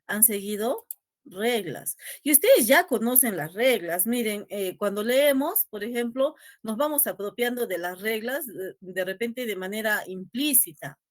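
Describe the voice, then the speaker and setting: A woman's voice: medium pitch, lively intonation, measured pace, no room sound. Patient woman teacher with a dry close voice. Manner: checks in constantly with a rising tag question; patient, repeats key points. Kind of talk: online class lecture.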